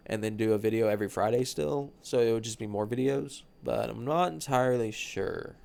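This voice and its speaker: A man's voice: medium pitch, gravelly, darkish tone, clear, resonant tone. A man hosting a solo podcast, talking in a rambling, laid-back way with plenty of swearing, his nose stuffed up. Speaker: podcast host. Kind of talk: solo casual chat.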